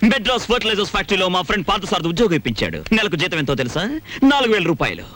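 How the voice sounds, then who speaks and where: A man's voice: high-pitched, big pitch swings, very fast, sharp tone, heavily acted. An actor playing a carefree young man in a film, breezy and teasing, dropping English words in. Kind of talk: film dialogue.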